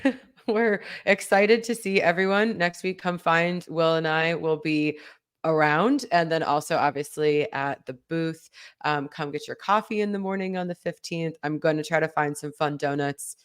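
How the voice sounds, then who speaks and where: A woman's voice: sits low, steady tone, moderate pace, smooth. A woman co-hosting a podcast, chatting in a rambling, friendly way and laughing often. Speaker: podcast co-host. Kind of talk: casual chat.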